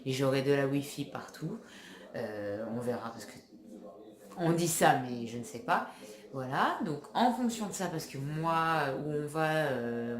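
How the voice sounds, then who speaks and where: A young woman from France, stuffy with a cold, rambles casually to her phone camera in a vlog, using plenty of fillers and restarts. She has a low voice, and the recording has a roomy sound.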